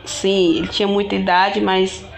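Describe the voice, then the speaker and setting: A woman tells her own story to her viewers in a loose, rambling way. She repeats herself, restarts phrases and keeps turning to the audience, at an ordinary middle pitch. Soft music plays faintly behind her. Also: level tone, normal speed, gravelly. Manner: rambling and repetitive, often restarting and addressing viewers directly. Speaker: vlogger. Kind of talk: casual personal storytelling to viewers.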